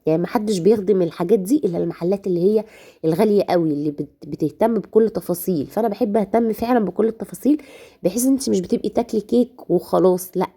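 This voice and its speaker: A home baker with an Egyptian Arabic accent talks straight to her viewers during a cake decorating tutorial. Her mid-range voice is hoarse and dark in tone, she races along, and she's nursing a cough.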